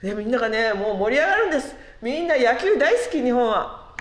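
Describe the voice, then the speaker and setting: A woman giving a conversational sermon who asks the congregation questions and slows down on key words. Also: fairly high pitch, sing-song, reverberant. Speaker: preacher.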